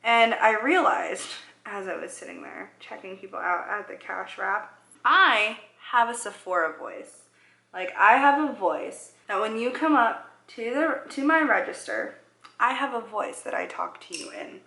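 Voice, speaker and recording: Applying makeup as she talks, a young vlogger in her twenties wanders off on tangents and jokes at her own expense. She sounds a little high, expressive and unhurried, with a pushed, bright tone, recorded indoors in an echoey living room at home.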